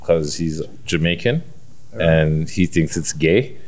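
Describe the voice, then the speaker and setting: A man's voice: very deep voice, slow pace. A man with an urban Toronto accent telling stories casually, in emphatic, repetitive slang. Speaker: podcast co-host. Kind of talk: casual animated storytelling.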